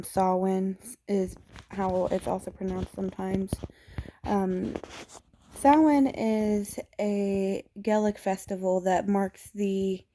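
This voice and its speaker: A woman vlogger giving a casual spoken explainer, hesitant and pausing often with fillers. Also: medium pitch, dark tone. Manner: hesitant, frequent filler pauses.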